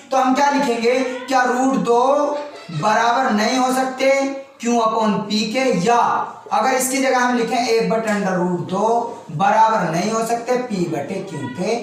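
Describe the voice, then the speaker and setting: A male maths teacher works through a problem at the board, posing a question to the class and answering it himself. He goes slowly, repeating key words step by step. The recording has a heavy, echoey classroom sound. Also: very high-pitched. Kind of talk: board lesson. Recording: very echoey room.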